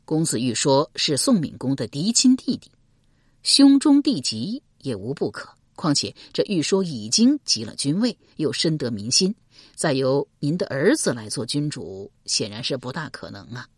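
A woman plays a shrewd statesman in an audiobook, speaking in a measured, authoritative way with a lively rise and fall. The voice is husky and recorded dry and close. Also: very deep voice, dry recording, heavily acted. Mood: advising. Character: shrewd, calm male chancellor, middle-aged. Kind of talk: audiobook character voice.

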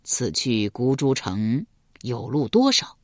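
A woman voicing a grave, dignified ancient king who speaks slowly and solemnly in a storybook reading. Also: extremely low pitch, big pitch swings, no room sound, clean studio sound, voice pushed down, heavily acted. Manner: slow, measured, solemn.

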